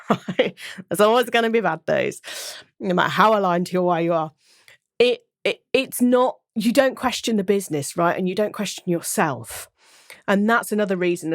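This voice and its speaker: A woman's voice: on the low side, no echo, studio quality. A middle-aged woman, hosting her own podcast and talking earnestly and expressively about what motivates her in business. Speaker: podcast host and business coach. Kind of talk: heartfelt solo podcast monologue.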